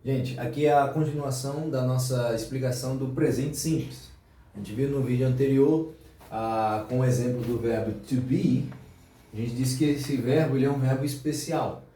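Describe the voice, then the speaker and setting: A man teaching an English grammar lesson, slow and patient, repeating each example. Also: mid-range voice, dark tone. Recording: very echoey room, distant mic.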